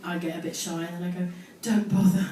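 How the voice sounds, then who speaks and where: A storyteller reads comically from her teenage diary before an audience at a live storytelling venue, dramatizing it and adding amused asides. She speaks brisk and flat, in a fairly low, mellow voice. The recording is very echoey and noisy, picked up from a distant mic.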